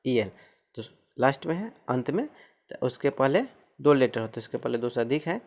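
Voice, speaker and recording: A man's voice: mid-range voice, animated, moderate pace. A man teaching pronunciation rules who repeats each point and asks and answers his own questions, speaking. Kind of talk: classroom-style explanation.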